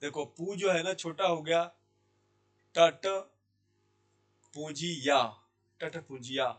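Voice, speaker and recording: A male Hindi teacher giving a grammar lesson, his voice sitting a bit higher than most men's. He keeps asking the class a question and then answering it himself, and he says each key word slowly, more than once. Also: a bit bright. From India. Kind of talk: classroom lesson explaining sandhi. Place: Jaipur language institute.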